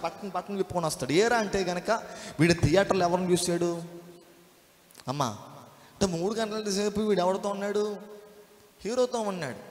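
A man preaching a sermon, storytelling and firing rhetorical questions at the congregation. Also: high voice. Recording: echoey hall.

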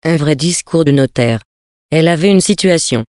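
A reader narrating a novel in the first person, with a measured, even delivery. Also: medium pitch, no echo, clean studio sound. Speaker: reader of a story.

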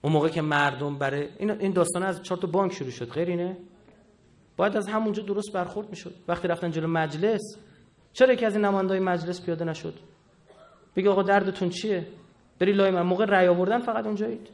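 A man giving a political lecture, impassioned and swinging from low mutters to loud outbursts, acting out quoted voices with humor.

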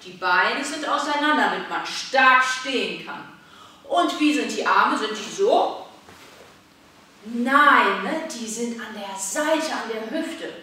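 A woman teaching a martial arts workout to young children, asking them questions and answering them herself, with loud shouted demonstration calls. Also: on the high side, expressive, takes it slowly, heavy reverb, distant mic. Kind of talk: kids' workout lesson.

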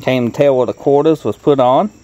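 A middle-aged car restoration vlogger walks through his work hands-on, in a casual, plain-spoken, folksy manner. His voice is mid-range, fairly quick, and dark in tone. He's outdoors in a grassy gravel yard, filming on a phone held at arm's length.

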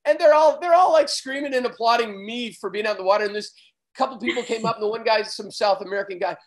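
A man, a surf photographer, telling an excited, vivid story as a guest in a conversation, often getting loud. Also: high voice, fast, poor audio.

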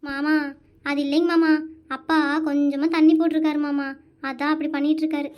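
A whiny young wife from a Tamil cartoon, voiced by a woman, her voice pitched very high. She pleads and whines in drawn-out calls. It is homemade animation voicing. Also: flat delivery, dull audio, natural voice. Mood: pleading.

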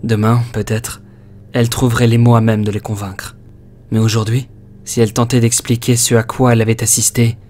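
A man narrating a horror audiobook with measured, expressive storytelling. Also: medium pitch. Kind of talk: dramatic audiobook reading.

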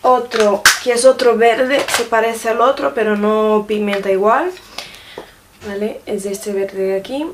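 A beauty vlogger casually reviews makeup gifts, holding each one up to the camera as she chats. Her medium-pitched voice stays steady, and she keeps checking in with viewers through quick question tags. The background is noisy.

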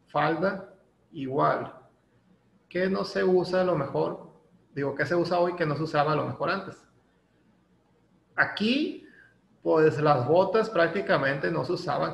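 A man's voice: on the high side, creaky. A man with a Mexican Spanish accent teaching an English lesson in a chatty way, using lots of fillers and tag questions. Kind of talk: casual classroom lesson. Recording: echoey room with faint ambient noise.

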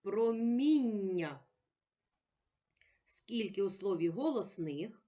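A woman teacher giving a slow, careful special-education lesson, patiently sounding out words one at a time. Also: medium pitch, sing-song, a little mellow.

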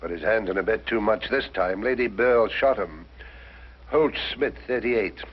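An actor playing a dutiful police inspector with an English accent, formal, earnest and a little hesitant, in a 1950s mystery drama. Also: male voice, lowish voice, measured pace, breathy edge. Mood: matter-of-fact. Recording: dull 1950s soundtrack with music.

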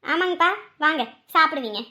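Woman playing a fussy mother figure, warm scolding, family drama, very high voice. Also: lively intonation, fairly quick. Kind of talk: dubbed family serial drama.

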